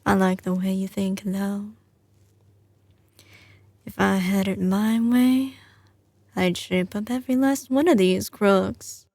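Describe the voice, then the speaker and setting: Woman playing a slow-drawling Southern mafia boss girlfriend. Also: mid-range voice, fairly even intonation, darkish tone, no room sound. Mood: intimate, musing. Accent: slight Southern US drawl. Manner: drawling, teasing, sliding between commanding and tender. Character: doting but ruthless young female mafia boss girlfriend. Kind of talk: ASMR audio roleplay, intimate scripted acting.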